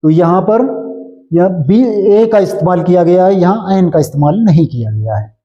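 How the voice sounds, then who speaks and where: A man teaching English grammar in Hindi, explaining slowly and checking often that his students follow. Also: high-pitched, expressive, muffled recording. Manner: repetitive, checks understanding often. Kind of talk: slow classroom explanation in Hindi.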